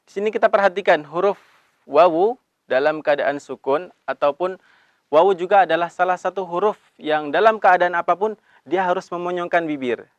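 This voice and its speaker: A man teaching Quran recitation, explaining letters patiently and drawing out the recited verses slowly. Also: high-pitched, dry recording, lo-fi sound. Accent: Indonesian. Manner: slow drawn-out recitation of verses between brisk explanations; calls himself Abi, patient instructive tone. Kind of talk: recitation lesson with chanted examples.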